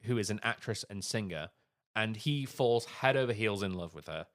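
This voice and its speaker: Low-voiced man telling a story. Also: normal speed. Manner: storytelling, animated impressions. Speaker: podcast co-host. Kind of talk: casual chat.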